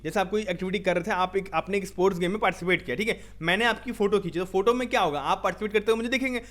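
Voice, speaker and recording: A man from India with a high-pitched, slightly bright voice coaches viewers for an exam, talking through slides in a blend of Hindi and English. He goes step by step and closes many lines with "theek hai".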